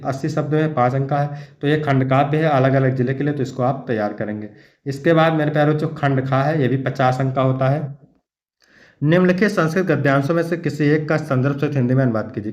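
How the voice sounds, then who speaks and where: A male teacher works through an exam paper for his students in an exam-prep lecture. He reads each verse aloud, then explains it in plain words, and speaks to the class as his dear children. His voice sits at an ordinary middle pitch, and it rings in a roomy, echoey space.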